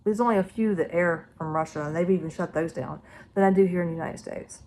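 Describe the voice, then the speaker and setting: A woman with a fairly low voice talks casually to her viewers, rambling from one prediction to the next. Her speech is loose and unscripted. A faint hiss sits under her voice. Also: quick pace, a little mellow. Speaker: psychic vlogger.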